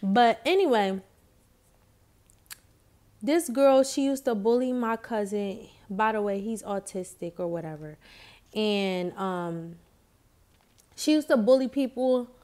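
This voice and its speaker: A woman's voice: mid-range voice, slow pace, pauses often, darkish tone. A woman casually telling a story in slangy speech while eating, her mouth sometimes full. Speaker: vlogger.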